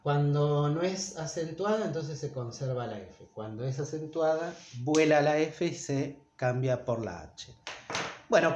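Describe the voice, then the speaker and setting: Slow, musing male teacher in an echoey room. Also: medium pitch, darkish tone. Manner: unhurried, thinks aloud with many fillers. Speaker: Spanish teacher. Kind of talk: casual video lesson. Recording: echoey room, dull sound, faint noise.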